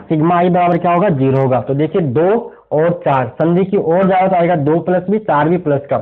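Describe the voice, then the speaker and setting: A high-voiced man moves fairly quickly through a physics exam revision lecture at the board. He explains each step and keeps posing rhetorical questions to the students, then answering them himself. The audio is thin and tinny, like a phone line.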